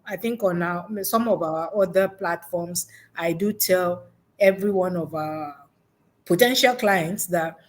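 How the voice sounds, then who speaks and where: In a mid-range voice, a woman working as an education consultant gives unscripted, conversational interview answers. She's reflective and rephrases her points for emphasis.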